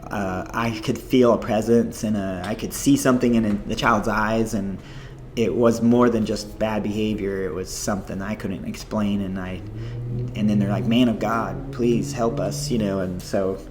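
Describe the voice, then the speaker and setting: A man, a missionary guest, telling stories in an interview in an animated, chatty way full of "like" and "you know". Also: lowish voice, normal speed, noisy background. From United States. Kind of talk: storytelling interview.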